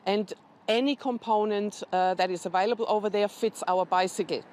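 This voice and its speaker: A woman answers interview questions in an informative, step-by-step way as a charity representative. Her pitch is average for a woman, with faint noise behind her. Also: steady tone, brisk, darkish tone. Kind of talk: news interview.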